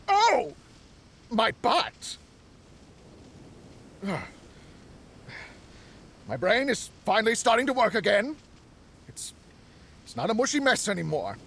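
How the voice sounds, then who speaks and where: A man's voice: sits high, huge pitch swings, takes it slowly, creaky, pauses often, fairly bright tone, a little hiss or hum, exaggerated voice. An actor playing a crazed middle-aged male researcher who cackles and whimpers in a game cutscene. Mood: dazed relieved. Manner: manic cackling, whimpering outbursts.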